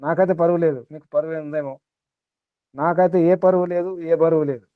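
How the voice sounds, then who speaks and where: A man's voice: on the high side, level tone, fairly quick, clear, resonant tone, no echo. A man teaching a small group in a spiritual talk, repeating his points and asking rhetorical questions. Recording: tinny phone-like dry sound.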